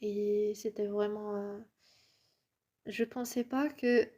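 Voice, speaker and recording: A woman's voice: mid-range voice, fairly even intonation, slow, dark tone, slightly rough. A woman teaching French in a casual lesson, switching to Arabic to explain. She is patient and encouraging, often checks that the listener follows, and sometimes whispers to model pronunciation.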